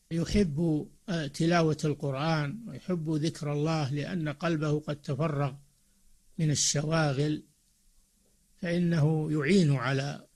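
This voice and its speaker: An older man, a sheikh, giving a slow and measured religious lecture with frequent pauses. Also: fairly high pitch. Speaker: sheikh giving a Ramadan talk.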